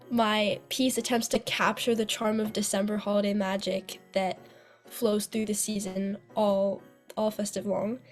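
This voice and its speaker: A woman's voice: medium pitch, darkish tone. Teenage American girl, earnest interview guest, mid-range voice. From United States. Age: teens. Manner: earnest, partly prepared-sounding answers. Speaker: young composer guest. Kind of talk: interview answers.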